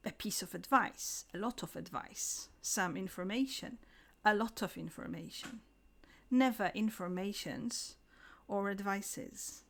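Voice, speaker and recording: A woman giving a scripted English lesson, slowing down to pronounce example words carefully. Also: medium pitch, creaky, fairly bright tone. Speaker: English teacher.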